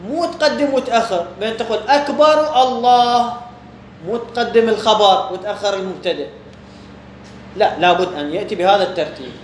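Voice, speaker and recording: A man with an Iraqi Arabic accent teaching a religious text, asking questions and answering them himself. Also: high voice. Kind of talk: explaining a jurisprudence text to students. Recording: echoey room with faint background hum.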